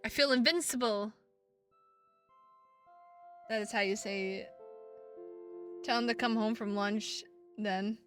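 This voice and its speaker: She talks slowly and pauses often, her voice on the high side and fairly bright. Streaming a visual novel over background music, she reads the text aloud into a close microphone and jokes goofily with her viewers.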